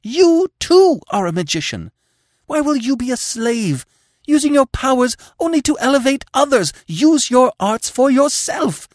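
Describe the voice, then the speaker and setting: A man's voice: a little high, big pitch swings, measured pace, a little mellow, dry recording, studio quality, voice pushed up. A man voicing a passionate, scheming young woman who pleads in a breathless, urgent rush. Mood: fierce.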